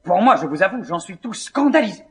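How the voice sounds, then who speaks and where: Playing a conceited, disdainful young gentleman in a classical French comedy, an actor delivers his lines with indignation. His voice is high and very animated, and he speaks fairly quickly.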